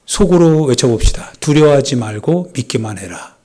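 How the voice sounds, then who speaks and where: A man's voice: mid-range voice, animated, moderate pace, mellow. A man, a pastor, preaching a sermon with dramatic emphasis, acting out the voices of doubters. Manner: dramatic preaching, voicing doubters with rising intensity.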